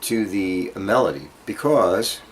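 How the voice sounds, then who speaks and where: Slow and expressive, the man's low voice guides an informal guitar lesson, hesitantly explaining piece by piece while he demonstrates. His guitar, acoustic or jazz in style, rings out loudly alongside him.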